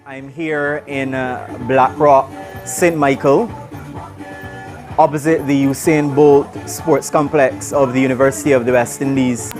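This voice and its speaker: A man's voice: mid-range voice, steady tone, measured pace, a little mellow, soft background music. A man narrating his vlog from an event in a formal, earnest way. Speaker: vlogger.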